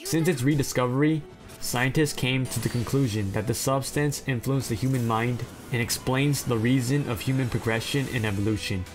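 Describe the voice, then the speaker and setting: A man's voice: medium pitch, normal speed, soft background music. A man narrating a ranked anime list, reading plot summaries and breaking off into blunt, profane, self-deprecating asides. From China.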